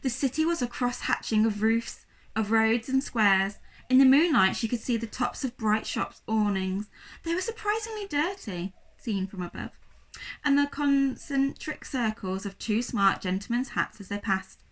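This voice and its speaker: Sounding like a primary school teacher, a woman gives a dramatic, expressive reading of a children's story at moderate pace and fairly high pitch. The audio quality is poor.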